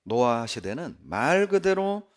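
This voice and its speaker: A man preaching a sermon in a church at an average pitch, yet with a voice that swings widely, jumping high for emphasis and dropping low and quiet. His delivery is emphatic and animated. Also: slow pace. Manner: animated, emphatic preaching with sharp rises and drops. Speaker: pastor.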